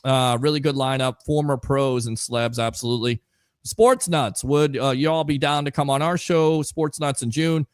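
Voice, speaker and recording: A man hosting a live sports talk stream, reading out chat comments and giving energetic shout-outs. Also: medium pitch, normal speed, clean tone, no room sound, clean studio sound. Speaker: livestream sports show host.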